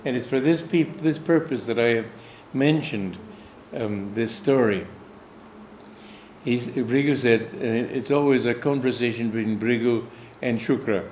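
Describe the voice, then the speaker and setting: A swami, an American man who teaches spirituality, wanders through a personal anecdote as he tells it. His voice is medium-pitched with a darkish tone, a little slow, over slight background noise. You can hear an echoey room and faint ambience around him.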